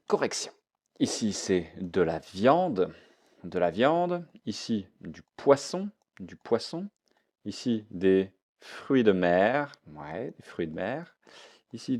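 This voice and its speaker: A man's voice: fairly low pitch, darkish tone. A man teaching a French vocabulary lesson, repeating each word and mixing in English explanations.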